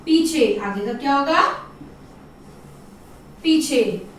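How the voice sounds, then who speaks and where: A woman teacher leading a primary-school class, asking questions and drawing out each answer slowly for the children to repeat. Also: high voice, lively intonation, heavy reverb, recorded from a distance, a little hiss or hum. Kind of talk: online class lesson.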